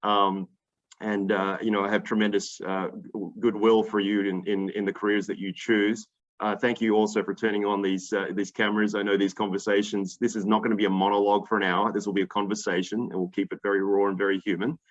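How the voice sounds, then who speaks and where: Energetic Australian man on a video call. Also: fairly low pitch, brisk, muffled recording. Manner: energetic, emphatic, many fillers. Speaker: investor guest speaker. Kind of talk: casual video call talk to students.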